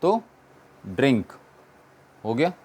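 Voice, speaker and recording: A man's voice: mid-range voice, very animated, takes it slowly, a little mellow, slightly rough. A man teaching an English grammar lesson, asking questions and answering them himself and repeating the key points. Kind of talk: classroom-style explanation.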